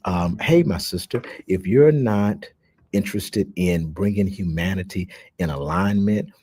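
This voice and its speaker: A man's voice: low voice, a little slow, a little mellow, husky, no echo. A man talking to his followers in a casual, emphatic monologue, with plenty of fillers. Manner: emphatic, indignant, with frequent fillers. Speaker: social media host.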